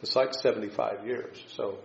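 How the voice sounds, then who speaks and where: A man with a fairly low voice gives an informal Bible lesson, feeling his way through explanations with a tentative, halting delivery. The room echoes and the recording is slightly dull. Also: steady tone, gravelly. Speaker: Bible class teacher. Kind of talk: informal lecture on scripture and history. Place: echoing room, teaching a class. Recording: echoey room, dull sound, faint noise.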